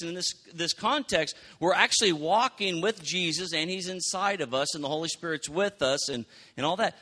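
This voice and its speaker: A man preaching a sermon in a conversational, animated way, often acting out quotes. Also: fairly high pitch. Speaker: pastor.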